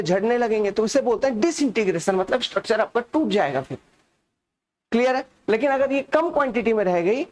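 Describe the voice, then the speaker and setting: A male instructor giving a live online lecture, speaking slowly and softly on purpose and dictating notes by repeating key terms. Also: very high voice. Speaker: exam-prep instructor.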